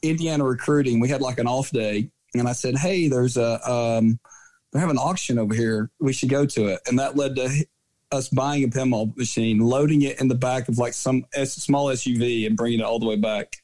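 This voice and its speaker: A man's voice: mid-range voice, steady tone, brisk, dark tone. A man, a soccer coach, guesting on a casual podcast interview and telling rambling anecdotes full of fillers and self-corrections.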